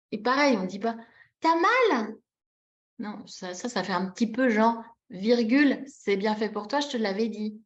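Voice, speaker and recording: A woman leading a live teaching demonstration on a video call, animated and demonstrative, repeating key words and acting out short example phrases with expressive intonation. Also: medium pitch. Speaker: webinar trainer teaching baby signs. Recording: dull lo-fi webinar audio.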